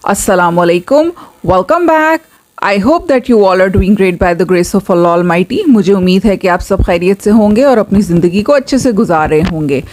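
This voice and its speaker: A woman teaching spoken English, repeating each practice phrase twice in a slow, careful drill. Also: mid-range voice, animated, darkish tone. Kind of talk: language lesson.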